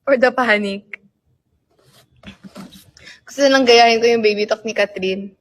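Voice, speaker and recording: A young woman chatting casually on a livestream, playful and laughing, sometimes dropping into slow soft tones. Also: a little high.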